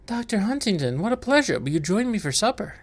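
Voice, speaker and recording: A calm and coolly menacing man whose every word carries a veiled threat, read out by a streamer narrating a horror game. His delivery is smooth and measured, and his pitch moves about a lot. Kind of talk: reading a figure's lines in a horror game.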